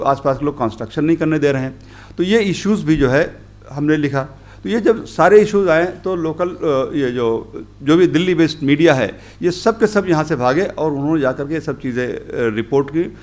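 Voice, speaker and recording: Slightly high-voiced man lecturing a workshop. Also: expressive, a little mellow. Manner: rambling, mixes Hindi with English phrases, many pauses and fillers. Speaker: journalist giving a workshop talk. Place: conference hall.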